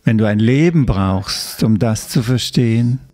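A man's voice: on the low side, a little slow, mellow, no echo, faint music behind. A man giving a dubbed spiritual talk in an emphatic manner, repeating his points. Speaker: voice-over translator of a spiritual talk.

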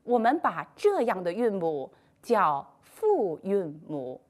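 A woman teaching a first-grade class in a scripted online lesson, speaking slowly in a sing-song, encouraging way. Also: mid-range voice, sing-song, darkish tone. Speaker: primary school teacher.

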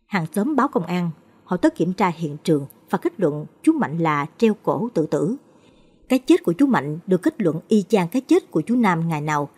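A woman narrating a late-night ghost story as scripted narration, reading in a dramatic, expressive way. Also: on the low side, husky.

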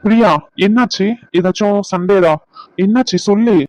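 A firm, concerned cartoon husband, voiced by a man, pressing with question after question in a rather high voice. The recording is dry and sounds dull and lo-fi. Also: fairly even intonation, normal speed, a little mellow, no echo, close to an everyday voice. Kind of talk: cartoon voice acting.

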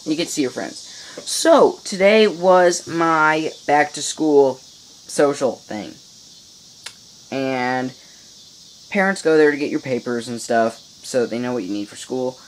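A man's voice: mid-range voice, slight background noise, poor audio. A teenage boy vlogging casually from his upstairs room at home, rambling to viewers with playful mock outrage. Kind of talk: casual video diary. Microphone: microphone in a home room. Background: faint insects chirping.

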